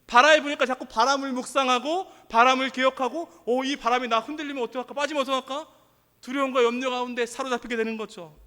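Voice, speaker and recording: Male pastor, very high and bright, delivers an emphatic, repetitive sermon in a reverberant church. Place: church sanctuary. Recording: long reverb of a church hall.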